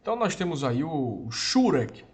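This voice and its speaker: A man teaching a lesson, explaining slowly and patiently and often checking in with his listeners. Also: on the high side, very animated. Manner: slow, patient explaining, often adds "né?" and "irmãos". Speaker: Hebrew teacher. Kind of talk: recorded online lesson.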